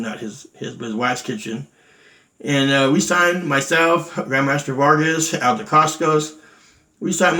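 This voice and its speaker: A man with a mid-pitched voice tells his side of a story in a loose, candid way. He sounds indignant and blunt, swears without hesitation, and fills his speech with "you know" and "uh.". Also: a bit bright, low-quality recording. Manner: blunt and indignant, swears freely, many fillers. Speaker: martial arts instructor recounting events.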